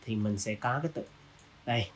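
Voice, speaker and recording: A man's voice: on the low side, fairly quick, slight background noise. Casual man talking through a tutorial. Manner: casual, walks through steps with many fillers. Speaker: design tutorial host. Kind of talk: screen-recorded software tutorial.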